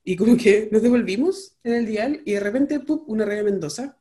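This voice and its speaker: A woman's voice: mid-range voice, a little fast, dark tone. A woman with a Chilean accent, telling a personal story in a casual, rambling way, full of slang and fillers.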